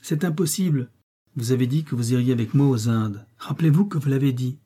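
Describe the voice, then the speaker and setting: A man's voice: medium pitch, fairly quick, mellow, husky, lightly acted. A man reading as a stern, resolute missionary. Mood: insistent. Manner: brief, commanding, insistent.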